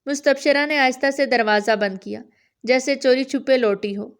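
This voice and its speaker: A woman's voice: high voice, clear, resonant tone. Woman narrating a romance novel.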